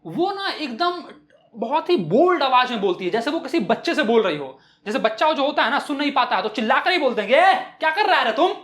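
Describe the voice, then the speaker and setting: A woman's voice: sits high, animated, fairly quick, fairly bright tone, echoey room. A woman teacher explaining an English chapter line by line in Hindi, mixing in English phrases and acting out the characters' lines.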